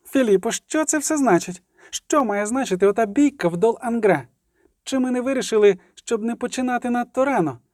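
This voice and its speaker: Гнівна, нестримана чаклунка у виконанні чоловіка-читця вигукує високо й збуджено. Запис близький, сухий, без кімнатного відлуння. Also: male voice, very high voice, animated, fairly quick, no room sound, studio quality, pitched above the performer's own voice. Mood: furious. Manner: shouting, crude, agitated. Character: fiery, foul-mouthed young sorceress.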